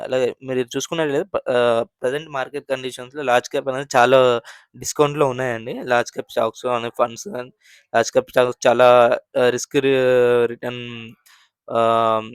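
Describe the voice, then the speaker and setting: A man's voice: mid-range voice, smooth, dry recording, clean studio sound. A man hosting a finance channel, explaining mutual fund figures in a conversational way, with frequent fillers and restarts. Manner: conversational, many fillers and restarts, mixes English terms.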